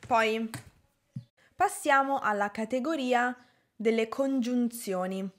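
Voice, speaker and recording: A woman teaching a language lesson, pronouncing example words carefully and deliberately. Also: a little high. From Italy. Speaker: Italian teacher. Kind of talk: slow, clear language lesson.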